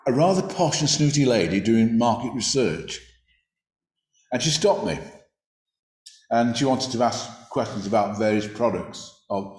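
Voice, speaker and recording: A man's voice: fairly low pitch, a little mellow. Man from preaching in an echoey room. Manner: reflective, conversational, with small restarts. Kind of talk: sermon. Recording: roomy echo.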